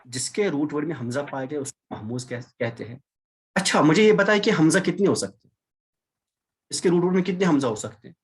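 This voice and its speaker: A man's voice: on the high side, animated, a little fast, husky. A man teaching an Arabic class over a video call, explaining patiently and repeating key words, with English mixed in. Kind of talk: online class lecture.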